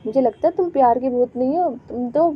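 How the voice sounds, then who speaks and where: A woman's voice: fairly high pitch, steady tone, fairly quick, husky, dull audio. A woman voicing a spoiled, bossy teenage college girl who scolds her friend, in a storybook reading.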